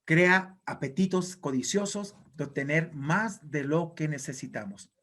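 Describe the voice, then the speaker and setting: A man's voice: fairly high pitch, a little slow, a bit bright. A male pastor preaching a sermon in an emphatic, exhorting way.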